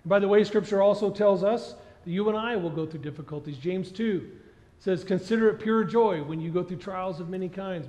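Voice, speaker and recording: A middle-aged man preaching a sermon on a church stage, animated and asking the congregation questions. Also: high-pitched. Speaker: pastor. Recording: dull sound with long hall reverb.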